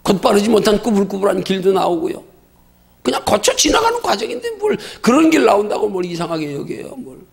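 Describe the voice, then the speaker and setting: A middle-aged male pastor leading a Bible study, emphatic and full of rhetorical questions, at times shouting. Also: high voice, sing-song, brisk, creaky.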